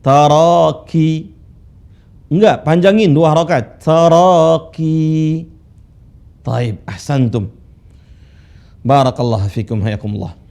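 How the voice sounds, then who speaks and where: A man teaching Quran recitation rules, patiently drilling students with slow, drawn-out recited phrases. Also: a little high, a little mellow. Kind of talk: tajwid lesson with recitation drills. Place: classroom studio with whiteboard.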